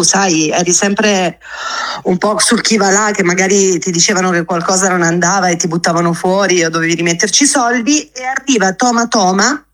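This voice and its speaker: A woman calling in over a phone on speakerphone, telling an anecdote in a chatty way with fillers and restarts. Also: lowish voice. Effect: heard over a phone on speakerphone. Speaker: phone-in guest. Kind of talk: casual anecdote told on air.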